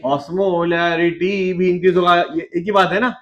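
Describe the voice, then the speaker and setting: A man teaching biology in a classroom, firing questions at students and teasing them, with quick low asides. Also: level tone, fairly bright tone, muffled recording. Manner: quizzes students with repeated questions, teasing and joking. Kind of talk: lively classroom lecture.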